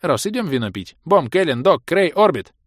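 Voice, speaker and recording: A man's voice: fairly high pitch, sing-song, normal speed, no room sound, clean studio sound, voice pushed up. A man voicing a brash, sneering young woman adventurer in an audiobook. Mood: scornful. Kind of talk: audiobook character voice.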